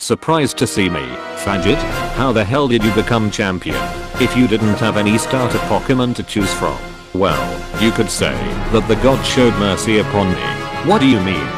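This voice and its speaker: A man acting out a comedic amateur monster battle, full of mocking, dramatic taunts, over loud music. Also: on the low side, lively intonation, normal speed. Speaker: video creator playing every part.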